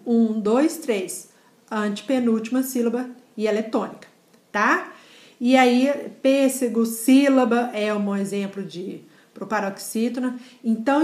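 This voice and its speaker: A woman's voice: fairly high pitch, echoey room. A woman teaching a grammar lesson in a casual style, explaining step by step and often checking with the class. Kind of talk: casual lecture.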